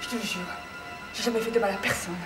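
An actress playing a young woman accused of informing. She threatens and screams in a shrill voice. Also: steady tone, fast talker, echoey room, distant mic, music in the background, natural voice. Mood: desperate. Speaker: actress in a crime film shown on television.

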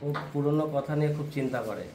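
Male, patient's husband, rapid speech, roomy off-mic sound. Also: mid-range voice, dark tone, a little hiss or hum. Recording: echoey, off-mic in a room.

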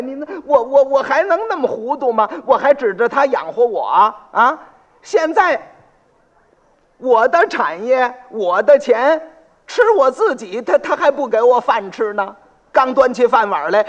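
A man's voice: very high-pitched, expressive, normal speed, dull audio, pitched above the performer's own voice. A man voicing an aggrieved elderly father who stammers through his complaints.

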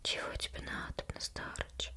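Storybook golden fish, woman reader: female, magical, calm and kindly, soothing whispered role-play. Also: normal speed, natural voice. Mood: calm, reassuring.

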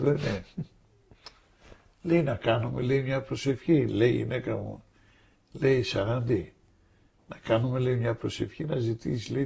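A man's voice: mid-range voice, vocal fry, dark tone, slightly rough. An older man giving a faith testimony, telling his story with energy and acting out the voices of the people in it. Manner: acts out quoted dialogue with shifting voices.

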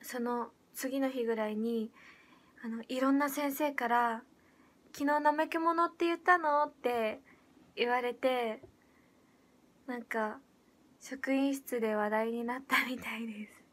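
Teen girl on a phone livestream, high voice, soft and a bit hesitant, lots of little fillers. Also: fairly even intonation, slow pace, pauses often. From Japan. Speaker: idol audition candidate. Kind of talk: casual livestream chat reading viewer comments.

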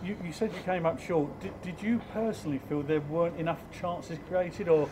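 A man's voice: on the high side, brisk. A man, a club TV reporter off camera, asking chatty post-match questions with stumbling restarts. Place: stadium stands, outdoors. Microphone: handheld mic, off-camera. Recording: outdoor audio with clear background noise.

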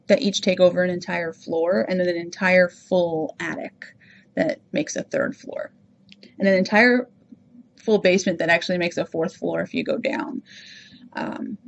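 On a muffled recording, a Rhode Island podcast host speaks in a lowish, gravelly voice without any regional accent. She delivers a casual personal monologue about herself, chatty and self-reflective.

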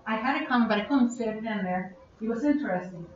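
Woman presenter, chatty, fairly high voice, echoey room, muffled sound. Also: quick pace, slight background noise. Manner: chatty, asks audience questions, laughs often. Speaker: conference presenter. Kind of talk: live workshop presentation. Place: conference room.

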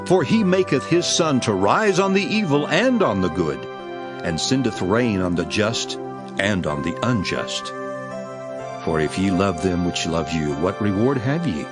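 An actor declaims a dramatized King James Bible reading as a solemn, authoritative male preacher, measured and emphatic. His fairly low voice is animated, with music in the background.

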